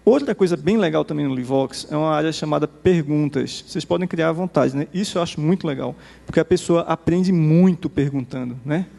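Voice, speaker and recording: Brazilian guy giving a conference talk, super gravelly voice, long echo off a big hall. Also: a little high, warm tone. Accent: Brazilian Portuguese. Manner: conversational, tags nearly every phrase with a quick "né?". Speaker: presenter demonstrating software. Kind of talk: conference presentation to teachers. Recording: reverberant hall.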